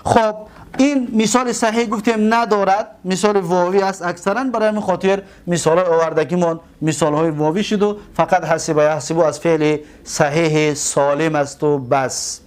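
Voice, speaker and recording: A man gives a classroom lecture as a religious teacher. He asks the class questions, answers them himself, and stretches out and repeats example words slowly. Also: high-pitched, fairly even intonation, clear, resonant tone.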